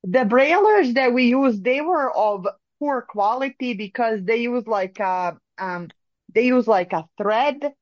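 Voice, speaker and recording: A woman from Bosnia, speaking in a halting way with many pauses and fillers as a caller in a phone-in discussion. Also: fairly high pitch, lively intonation, dry recording. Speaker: caller sharing experience. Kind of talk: casual phone-in talk. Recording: muffled lo-fi line.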